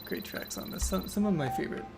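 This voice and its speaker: A young man casually commenting while he plays a video game, reminiscing and losing his train of thought. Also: fast talker. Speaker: let's play host. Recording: loud game music behind.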